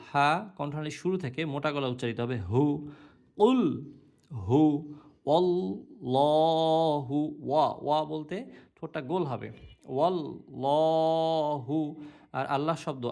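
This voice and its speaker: A man teaching Quran recitation, spelling out each letter and vowel mark and then chanting the verse slowly, with quick plain explanations in between. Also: on the high side, darkish tone.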